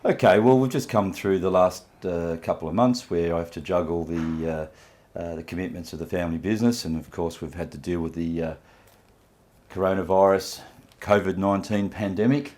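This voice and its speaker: A middle-aged man answering interview questions as a local government representative, measured and formal with frequent ums. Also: low voice, darkish tone.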